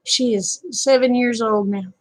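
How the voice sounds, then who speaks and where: A woman's voice: on the high side, steady tone, measured pace, no echo, poor audio. A woman in her fifties, hosting a live chat stream and talking casually with viewers in a folksy, talkative way, often chuckling. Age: 50s.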